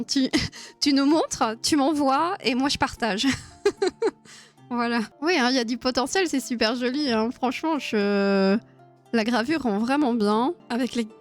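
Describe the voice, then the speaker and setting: A woman hosting a casual live stream, chatting with her viewers, laughing often and filling her talk with hesitations. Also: on the high side. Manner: chatty, laughs often, many fillers and restarts.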